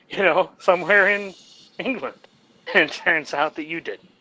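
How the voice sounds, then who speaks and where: A man's voice: on the high side, measured pace, pushed and bright, rough recording. A man co-hosting a podcast in casual chat, rambling and jokey. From United States. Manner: rambling and jokey, laughs at his own jokes. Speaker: podcast co-host.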